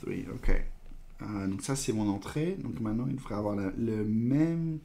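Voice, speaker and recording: A man's voice: lowish voice, animated, moderate pace, gravelly, dark tone. A man hosting a live coding stream, thinking aloud with hesitations and trailing phrases while he tests code and reads viewer questions.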